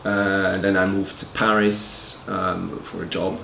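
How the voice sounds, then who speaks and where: A man's voice: low-pitched, little pitch movement, a little slow, vocal fry, bright, forceful tone. A man in his forties from Switzerland, a fashion school's director of education, answering interview questions hesitantly and often repeating words. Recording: echoey room, faint noise.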